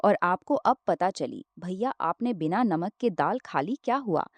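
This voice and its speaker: A woman's voice: lowish voice, lively intonation, a little slow, no echo. A woman voicing a caring, sensible young woman who coaxes and comforts her family in a storybook reading. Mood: concerned.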